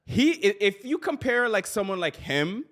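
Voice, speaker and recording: Male co-host, voice a bit high, slangy, rambling, hesitant conversational delivery. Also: sing-song, normal speed, fairly bright tone. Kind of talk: casual political chat.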